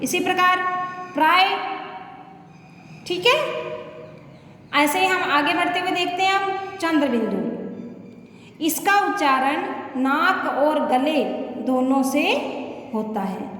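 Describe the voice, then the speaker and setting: A woman teacher with a Rajasthani Hindi accent gives a slow, patient lesson to children. She often repeats points and checks that they follow. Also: high-pitched, lively intonation, a bit bright. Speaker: primary school Hindi teacher. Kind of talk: classroom lesson explaining Hindi letters to children. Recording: echoey room with long reverb and faint noise.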